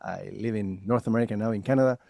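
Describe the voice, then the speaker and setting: A man in his forties from Argentina, a guest telling his career story in a lively, laughing way. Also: on the low side, quick pace, creaky, dry recording. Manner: animated storyteller, laughs often. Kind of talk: casual interview.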